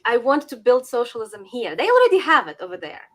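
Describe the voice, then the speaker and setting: A woman's voice: on the high side, sing-song, fairly quick. A woman from Ukraine, talking frankly as a podcast guest and laughing between points. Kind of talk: casual podcast talk.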